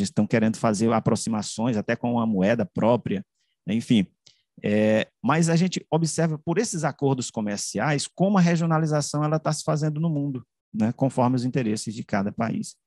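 An academic presenter with a Brazilian accent gives an explanatory lecture with slides over a video call from an indoor room, haltingly rephrasing as he goes. His mid-range, darkish voice comes through the video call mic at studio quality with no echo.

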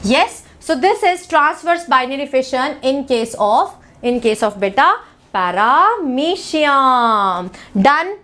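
A young woman with an Indian accent teaches biology in a live online class, mixing Hindi and English. Her voice sits high, and she talks at an unhurried, deliberate pace. She keeps calling the students "beta" and firing questions at them. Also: animated, fairly bright tone, a little hiss or hum. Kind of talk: live online exam-prep lesson.

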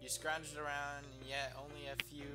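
A man's voice: on the high side, monotone, normal speed, loud music behind the voice. A man in a casual let's-play, jokingly reading game choices aloud. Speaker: player.

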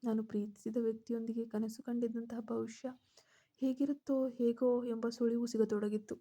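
A woman's voice: on the high side, flat delivery, normal speed, dark tone. A woman narrating a first-person story and voicing the characters' lines herself.

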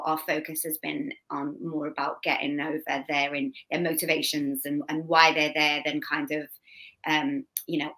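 A young Liverpool actress with a Scouse accent, voice sitting low and a bit bright, talks about her role in a casual interview over a home video call. She's chatty, restarts quickly and laughs in asides; the audio is poor.

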